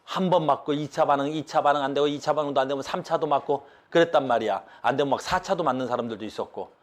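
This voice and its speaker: A middle-aged man teaching a biology class, lecturing and constantly quizzing his students with quick check-in questions. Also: a little high. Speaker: high school biology teacher.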